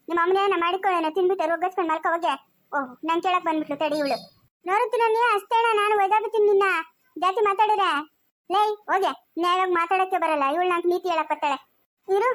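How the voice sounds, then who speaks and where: A woman's voice: extremely high pitch, fairly bright tone. A woman playing a quarrelsome village woman in a family skit, speaking rural Chikkaballapur Kannada and scolding with taunts.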